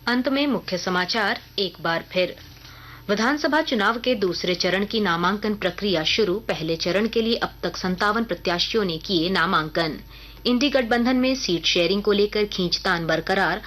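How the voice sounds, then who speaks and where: A female newsreader with a mid-range, slightly bright voice reads a scripted regional radio bulletin. Her announcing style is formal and measured.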